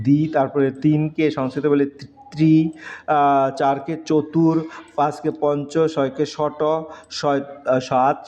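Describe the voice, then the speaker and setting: A male teacher walking students through an exam-prep lesson, slowly reciting letters and numbers one by one. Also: fairly high pitch, warm tone. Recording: dull lo-fi recording.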